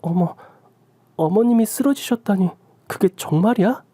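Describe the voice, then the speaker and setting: A woman's voice: medium pitch, moderate pace, mellow, breathy edge, dry recording, natural voice. A woman voicing a fed-up young daughter-in-law who reproaches her husband in a radio drama. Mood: softened. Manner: pleading and reproachful.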